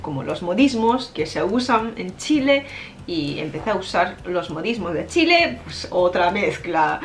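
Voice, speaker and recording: A woman's voice: lowish voice, unhurried, a little hiss or hum. Woman speaking fluent Spanish. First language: Japanese. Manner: animated storytelling, frequent laughs and fillers. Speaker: interview guest; Spanish teacher. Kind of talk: casual interview chat.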